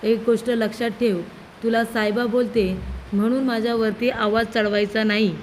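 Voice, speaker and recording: A woman's voice: fairly high pitch, little pitch movement, normal speed, slight background noise, natural voice, low-quality recording. A woman reading out the lines of a blunt, cheeky housemaid who talks back to her employer. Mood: defiant. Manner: cheeky, scolding. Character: blunt older housemaid who raised the master.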